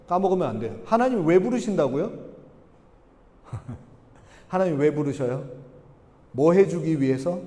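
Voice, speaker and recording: A man's voice: high voice, warm tone. A male pastor giving a sermon, often putting questions to the congregation and acting out Bible voices. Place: church sanctuary. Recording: long hall reverb.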